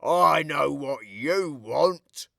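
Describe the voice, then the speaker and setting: A man voicing a soft-hearted male burglar with rough slang, drawing out his words slowly. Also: fairly high pitch, lively intonation, no room sound, clean studio sound, heavily acted. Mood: coaxing. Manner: slow, drawn-out delivery.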